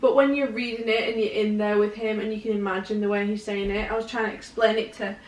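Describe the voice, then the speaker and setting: A woman with a Northern English accent co-hosting a casual book podcast, chatty and quick to laugh. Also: mid-range voice, flat delivery, roomy sound, distant mic, poor audio. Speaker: podcast co-host.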